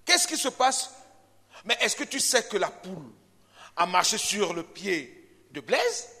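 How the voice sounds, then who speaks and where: A man doing a tattling indignant cat, high squealing voice, bright and sharp, echo of a church hall. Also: takes it slowly, breathy edge, full character voice. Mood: shocked gossip. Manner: exaggerated, excited tattling. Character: gossiping male cat, shocked and indignant.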